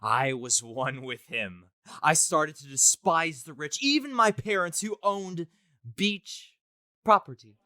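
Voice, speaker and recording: In a pompous, theatrical first-person story reading, a man plays a smug, deluded college student convinced he is the Joker. His exaggerated voice is fairly high, bright and forceful, delivered slowly but with animation and a grandiose mood, with no room sound.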